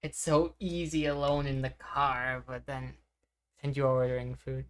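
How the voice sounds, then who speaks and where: A woman's voice: a bass voice, level tone, unhurried, smooth. A young woman streaming live, chatting casually with her chat, rambling and poking fun at herself. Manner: rambling, self-deprecating, reacting to chat.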